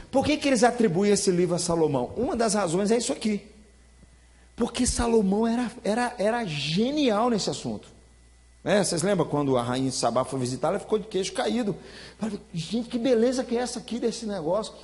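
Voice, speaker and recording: A man's voice: sits high, darkish tone, long reverb tail. A man with a Brazilian Portuguese accent, a pastor leading a Bible study in a chatty, joking way, teasing listeners by name. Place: church hall.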